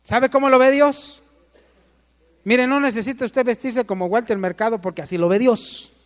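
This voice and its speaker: A man's voice: very high voice, normal speed, long reverb tail. A man with a Mexican accent preaching a sermon, asking the congregation questions and calling for amens.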